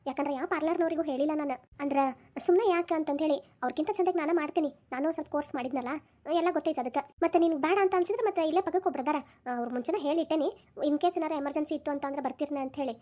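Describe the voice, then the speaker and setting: A woman's voice: high voice, racing, mellow, natural voice. A woman as a chatty helpful younger sister. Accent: North Karnataka (Dharwad) Kannada.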